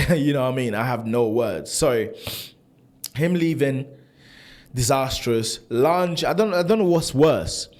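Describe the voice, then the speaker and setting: Frustrated football fan ranting to camera. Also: male voice, mid-range voice, measured pace. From Italy. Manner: animated, frustrated, lots of restarts and rhetorical questions. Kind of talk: casual opinion rant to camera.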